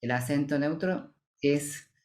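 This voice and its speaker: Low-voiced Rioplatense woman explaining. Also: darkish tone. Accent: Rioplatense Spanish. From Argentina. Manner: articulate, explanatory, measured. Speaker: voice-over professional, association president. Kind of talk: interview answers.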